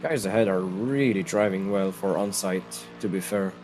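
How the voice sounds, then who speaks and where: A man's voice: low-pitched, moderate pace, a little mellow, slight background noise. A man on team voice chat during a sim race, chuckling and reacting to the action on track. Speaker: team driver.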